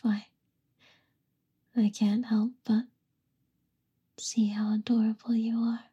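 Slow breathy whispering woman. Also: medium pitch, muffled recording. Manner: soft intimate whisper, affectionate and soothing. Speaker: ASMR performer. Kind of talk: whispered ASMR roleplay.

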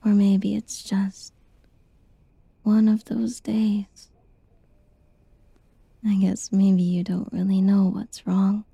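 A woman whispering a tender, reassuring girlfriend roleplay in a soft, soothing ASMR style. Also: medium pitch, little pitch movement, slow pace, vocal fry, pauses often, breathy edge, dry recording.

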